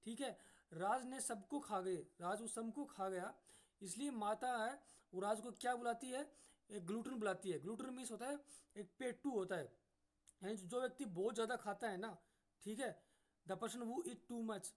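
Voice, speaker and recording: A man teaching an exam-prep English lesson who explains patiently, often says "ठीक है", and restarts words mid-way. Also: high-pitched. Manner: reads English sentences out very slowly.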